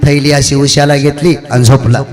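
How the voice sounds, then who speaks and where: A man from the Marathwada region preaching a devotional kirtan sermon with stories, singing verses and switching between loud declaiming and hushed asides in a temple hall. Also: mid-range voice, flat delivery, normal speed. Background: tabla and music.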